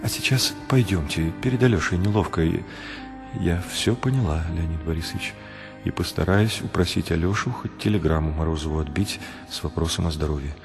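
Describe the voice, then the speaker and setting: A man voicing an emotional woman devoted to her lover, speaking softly and from the heart. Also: low voice, fairly quick, vocal fry, big-room sound, over music. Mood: reassuring.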